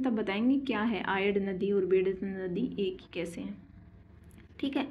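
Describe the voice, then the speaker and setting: A woman teaching a geography lesson, slowly repeating key names and quizzing her students with questions as she draws on a board. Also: on the high side, dull audio. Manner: slow and deliberate, drawing on a board while explaining.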